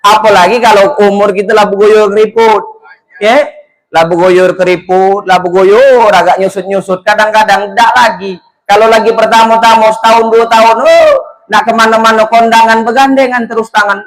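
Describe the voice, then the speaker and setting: A man's voice: high-pitched, little pitch movement, moderate pace, rough recording. A man giving a humorous wedding sermon, chatty and speaking straight to the couple. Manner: jokey, chatty, addresses the couple directly. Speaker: preacher at a wedding.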